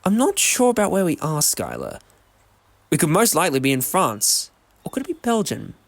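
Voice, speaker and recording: A man's voice: on the high side, huge pitch swings, moderate pace, creaky, dry recording, exaggerated voice. A man acting a whimsical, breezy time-travelling adventurer in a fan audio drama, with a theatrical, musing delivery.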